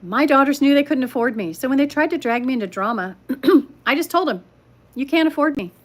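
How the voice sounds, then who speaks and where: An older woman with a high, animated voice talks briskly from her home living room on a livestream. She tells stories and chats casually with her viewers, laughing often.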